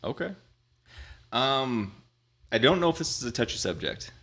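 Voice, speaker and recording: A man's voice: medium pitch, sing-song, normal speed, creaky, bright, forceful tone. A man co-hosting a casual livestream chat, who answers with dry, teasing quips. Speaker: podcast co-host.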